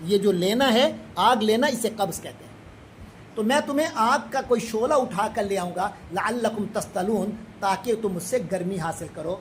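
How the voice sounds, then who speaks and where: A middle-aged man from Pakistan with a high voice gives a Quran commentary lesson. He intones each Arabic verse slowly, then explains it briskly in everyday speech. Faint noise is heard behind him. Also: poor audio. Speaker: Quran teacher.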